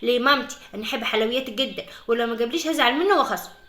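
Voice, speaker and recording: Woman playing a little girl, Egyptian accent, cartoon skit, whiny, high and bright. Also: very fast. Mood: chatty. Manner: whiny, pleading. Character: spoiled chatty little girl who begs for sweets. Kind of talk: dubbed family skit.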